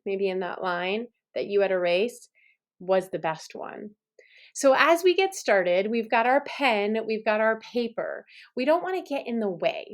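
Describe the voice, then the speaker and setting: A middle-aged woman teaching songwriting in a relaxed, chatty way, encouraging and laughing at herself. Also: medium pitch. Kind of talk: relaxed instructional talk to camera.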